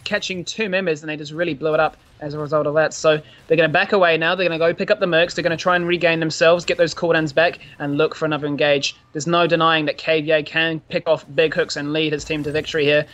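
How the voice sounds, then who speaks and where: A man casting an esports match with rapid, excited play-by-play and a straining voice. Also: fairly high pitch. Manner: rapid, shouty calls during fights. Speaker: esports caster.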